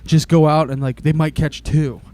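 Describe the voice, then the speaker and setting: Young male co-host, higher-pitched, animated and profane, riffs off his partner's story. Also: normal speed. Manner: animated, profane, acts out voices. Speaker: podcast co-host. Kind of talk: casual chat.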